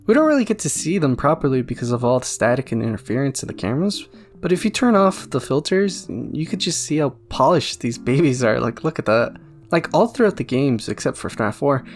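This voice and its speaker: This YouTube video essayist talks in a mid-range, sing-song voice at a brisk clip. He rambles through fan theories in a jokey, casual way, often poking fun at himself, with music playing behind him.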